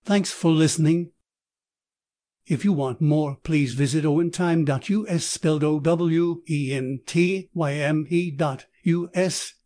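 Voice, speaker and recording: Text-to-speech guy reading an audiobook, mellow and kinda high for a man, very dry sound. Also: measured pace, no room sound. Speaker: audiobook narrator. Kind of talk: scripted audiobook narration.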